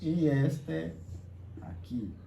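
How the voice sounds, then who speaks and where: A man teaching an English class, explaining each step slowly and patiently and checking in with his students. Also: fairly high pitch, big pitch swings, vocal fry, warm tone. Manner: patient, repeats steps, checks in with "¿ok?". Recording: echoey room, faint background noise.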